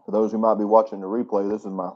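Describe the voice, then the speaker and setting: A man's voice: fairly low pitch, little pitch movement, racing. A man hosting a casual live stream from a hotel room, chatting with viewers while he eats and talks with his mouth full. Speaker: channel host live-streaming. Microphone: phone. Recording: dull lo-fi phone audio.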